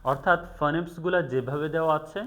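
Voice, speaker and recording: Male tutor, fairly high voice, patient, repeats each word slowly. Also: fairly bright tone. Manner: slow, stressed repetition of example words. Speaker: English teacher. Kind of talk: video tutorial lesson.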